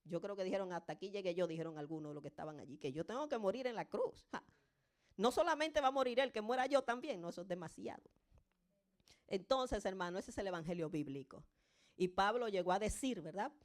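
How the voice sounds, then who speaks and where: A woman preaching a sermon in Spanish to a congregation, fervent and emphatic, addressing them directly as brothers and sisters. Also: lively intonation. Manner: fervent, rising to emphatic peaks then dropping low and slow.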